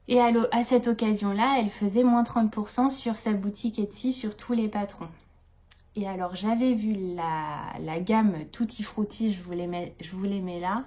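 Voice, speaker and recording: A woman in her thirties talks in a relaxed, rambling way, full of small hesitations. Her voice is mellow and soft-edged, at a middle pitch for a woman. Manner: chatty, rambling, many hesitations. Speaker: knitting vlogger. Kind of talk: casual chat.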